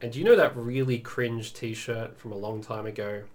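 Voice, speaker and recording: A man's voice: medium pitch, moderate pace, a little mellow. A man co-hosting a podcast in casual chat, sarcastic and opinionated, swearing offhandedly. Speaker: podcast co-host.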